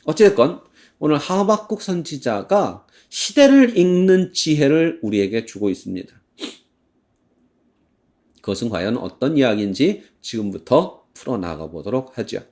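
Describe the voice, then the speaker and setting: Preaching in church, a male pastor with a medium-pitched voice is animated as he acts out heated complaints. Now and then he breaks into a slow hymn.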